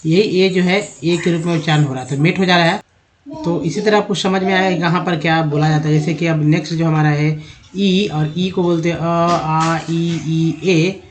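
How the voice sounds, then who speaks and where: A man with a slightly higher than usual voice teaches an English lesson, stretching out letter sounds one by one. He works through word lists in a steady, explanatory way, calling his viewers friends as he goes. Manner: slow, drawn-out spelling and sounding out of words.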